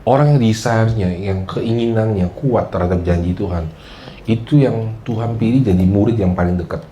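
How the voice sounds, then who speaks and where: Lively joking man preaching a sermon. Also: lowish voice, normal speed, slight background noise. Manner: lively, joking, acts out quoted prayers; addresses listeners as Saudara. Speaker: pastor.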